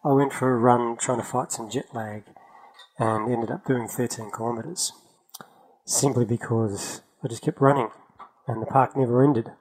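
With a breathy edge to his medium-pitched voice, a man talks at normal speed on a low-quality recording. He's a podcast co-host in London, swapping travel stories in a chatty, laughing, lively style.

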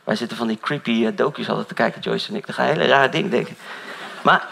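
Gravelly, animated male preacher. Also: mid-range voice, racing, a little hiss or hum. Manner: animated storytelling, swings from loud to hushed; conversational, keeps saying "you know". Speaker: pastor. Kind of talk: sermon.

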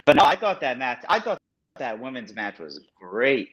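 A man's voice: mid-range voice, very animated, normal speed, fairly bright tone. A man from Houston co-hosting a casual wrestling chat, laid-back and chatty. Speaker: podcast co-host. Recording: dull lo-fi audio.

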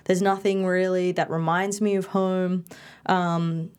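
Her voice is fairly low, a little slow and mellow, with a clear, resonant tone and little rise or fall in pitch. She is a young Balinese woman, first speaking Indonesian and also Balinese, chatting casually as an interview guest with many fillers and restarts.

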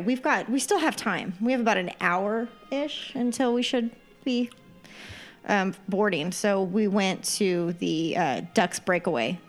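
A woman co-hosting a podcast, telling a story in casual chat and acting out the people in it. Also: mid-range voice. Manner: animated storyteller who acts out quoted people. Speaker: podcast co-host.

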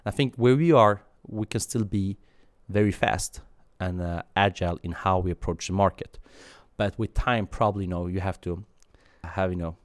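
Speaking as an interview guest, this Swedish man in his thirties has a low, deep voice and answers haltingly, thinking as he goes with many fillers and false starts. The recording is close-miked and dry.

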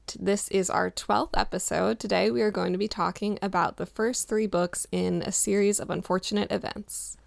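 A woman's voice: mid-range voice, fairly even intonation, normal speed, vocal fry, hardly any pauses. A woman writer co-hosting a book podcast, chatting casually, enthusiastic and informative. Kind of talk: casual chat.

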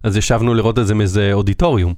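A man's voice: lowish voice, steady tone, a little mellow, no echo. A man co-hosting a casual chat, telling stories with many hesitations. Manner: storytelling, hesitant with fillers. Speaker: co-host.

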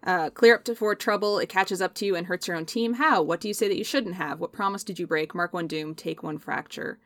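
Low-voiced woman playing a tabletop game. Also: fairly quick, no room sound. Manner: easygoing, uses fillers. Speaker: player. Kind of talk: casual game chat.

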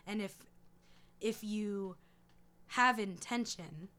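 Hoarse woman with vocal fry, chatting. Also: mid-range voice, slow, fairly bright tone. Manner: rambling, filler-heavy. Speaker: podcast co-host. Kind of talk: casual chat.

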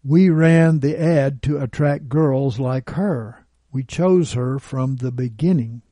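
A man reading aloud the lines of a scornful, arrogant woman who calls herself a witch, in a slow, husky voice with a dark tone. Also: mid-range voice, expressive, no room sound. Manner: contemptuous, arrogant. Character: scornful bitter woman, a self-declared witch. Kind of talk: read-aloud testimony.

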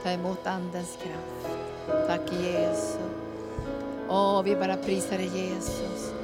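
A woman's voice: fairly low pitch, monotone, over loud music. A woman leading charismatic prayer ministry, speaking fervently, repeating phrases and slipping into speaking in tongues. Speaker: prayer leader.

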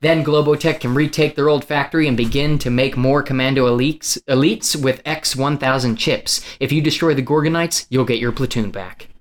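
Ominous hooded stranger, solemn male messenger, man acting it out, screenplay table read, measured exposition. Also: medium pitch, natural voice. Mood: solemn, urgent.

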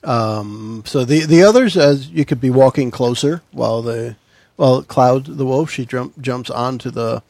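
Gravelly man running a tabletop game. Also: mid-range voice, darkish tone, no echo. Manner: halting, searching for words. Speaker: game master. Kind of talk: casual tabletop game narration.

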